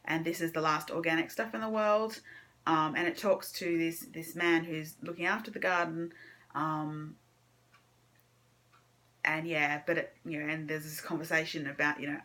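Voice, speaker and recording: A woman with a lowish, sharp-toned voice chats casually to the camera on her own book review channel, giving a monthly reading wrap-up. She sounds enthusiastic yet hesitant and tends to ramble.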